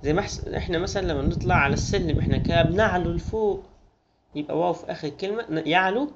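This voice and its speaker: A young man with an Egyptian accent leads a children's lesson, talking quickly in a coaxing, sing-song way with a slightly raised pitch. The recording sounds dull and lo-fi, and there is a clear hiss behind him. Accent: Egyptian Arabic. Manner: coaxing, sing-song, addresses kids as friends. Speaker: teacher.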